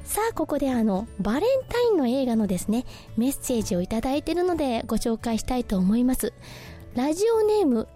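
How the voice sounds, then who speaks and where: A woman hosting a radio show, talking casually about films and reading listener messages with lots of soft fillers. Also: high voice. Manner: chatty, many soft fillers. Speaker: radio host.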